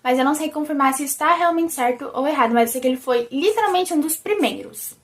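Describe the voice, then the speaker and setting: A young woman with a Brazilian accent hosts a casual vlog. Her voice is high and squeaky, almost childlike, and she talks in an animated way. She keeps turning to her viewers as she chats. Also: quick pace. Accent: Brazilian Portuguese. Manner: animated and chatty, often calls the viewers "gente". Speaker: vlogger. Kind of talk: casual religious video chat.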